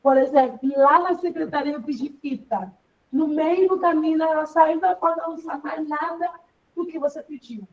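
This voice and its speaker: A woman's voice: sits high, normal speed, darkish tone, distant mic, highs cut off. A woman teaching an online class in a chatty, rambling way, full of fillers.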